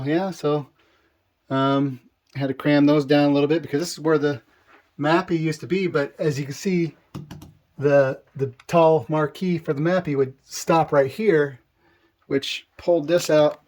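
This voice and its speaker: His voice sits on the high side, steady, a little slow, and darkish, and it's slightly off after his tonsil surgery. The arcade collector vlogger shows off his home game room in a relaxed, talkative tour packed with fillers.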